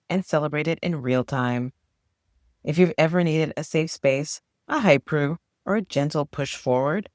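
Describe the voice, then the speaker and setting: A woman's voice: deep voice, darkish tone, no echo, studio quality. A woman hosting a podcast, reading a scripted introduction with an upbeat, list-like rhythm. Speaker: podcast host.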